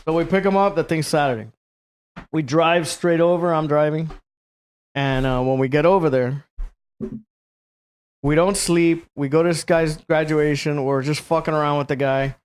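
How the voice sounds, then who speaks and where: Podcast host, man, slightly high voice, swears freely, laughs through his story. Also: fairly even intonation, normal speed, pauses often, smooth. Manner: profane, laughing, acts out voices in anecdotes. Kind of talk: casual storytelling chat.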